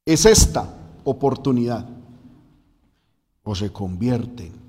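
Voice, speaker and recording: A man's voice: mid-range voice, lively intonation, takes it slowly, mellow, long reverb tail. A man preaching an impassioned sermon, often addressing the congregation as brother.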